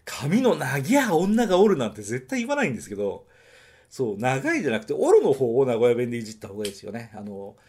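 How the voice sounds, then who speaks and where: A man from Nagoya talks through a film review on his podcast in a loose, casual monologue. His pitch rises and falls freely, and he drifts off on tangents and corrects himself mid-sentence. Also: wildly swooping pitch, very fast, a little mellow, husky. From Nagoya, Japan. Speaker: podcast host reviewing films.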